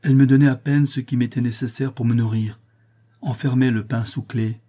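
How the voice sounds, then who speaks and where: A man's voice: mid-range voice, steady tone, fairly quick, mellow, close to an everyday voice. A man voicing a frightened young woman who anxiously confides a painful secret in a storybook reading. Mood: fearful.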